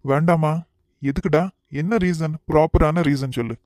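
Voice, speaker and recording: A man voicing a worried, affectionate father in a cartoon, talking to his daughter in a soft, pleading way. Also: fairly high pitch, moderate pace, no echo, clean studio sound, lightly acted. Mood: tender.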